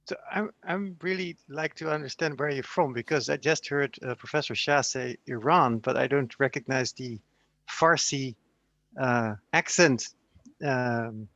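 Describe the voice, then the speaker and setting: A man's voice: mid-range voice, a little slow, dry recording. A man on the committee congratulating a candidate over a video call, talking with many ums and restarts. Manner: warm praise with frequent ums and restarts. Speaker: committee member. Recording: muffled video call audio.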